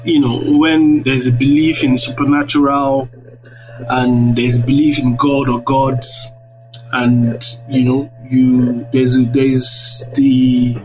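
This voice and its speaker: Over a very noisy online audio-room link, with music in the background, a university lecturer in his thirties answers interview questions like he's teaching. He has a Nigerian accent, a medium pitch with little pitch movement, and a slow pace, hedging his phrasing and adding checking tags.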